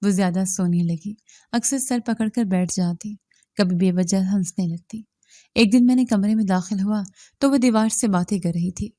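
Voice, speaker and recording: A woman narrating a moral story in a steady, even reading voice. Her tone is mellow and dark, and the recording is close and dry with no room sound. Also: mid-range voice, no echo.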